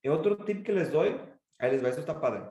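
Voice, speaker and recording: A man with a Mexican accent coaches his listener with lively examples, pushing his voice up and down to show emphasis. His voice sits a bit high. The sound carries a noticeable room echo. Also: fast talker. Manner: expressive, demonstrates pitch and emphasis. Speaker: speaking coach. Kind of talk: coaching in a podcast interview.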